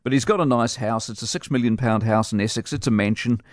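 A seasoned host gives opinionated radio commentary, blunt and scornful as he lays out his view. His voice is an ordinary middle pitch and he talks fast. The studio recording sounds close and dry, with no room sound.

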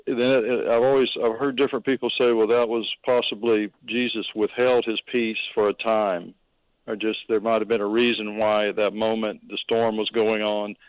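A man's voice: lowish voice, flat delivery, normal speed, no room sound. A man calling in by phone to a radio show, hesitant and full of fillers as he asks his question. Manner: hesitant, with many fillers and restarts. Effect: heard over the phone. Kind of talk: call-in question. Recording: tinny dry phone line.

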